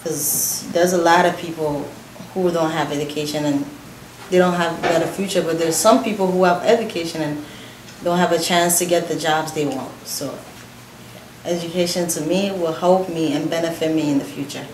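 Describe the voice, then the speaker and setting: A woman's voice: deep voice, steady tone, moderate pace, a crowd in the background. A teenage girl, a student, giving earnest, simple interview answers. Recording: echoey room with noise.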